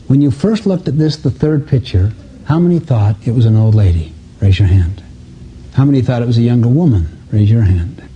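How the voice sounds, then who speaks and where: A man with a mid-range, slightly breathy voice plays a motivational seminar teacher, emphatic and firing off rhetorical questions. It's a live self-help talk in a seminar room before an audience, where he teaches through acted-out dialogues. The audio is dull, muffled and lo-fi.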